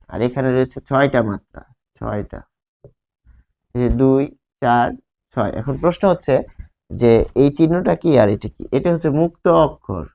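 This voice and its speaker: A male teacher giving a grammar lesson, repeating key terms slowly and asking and answering his own questions. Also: mid-range voice. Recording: tinny, phone-like sound.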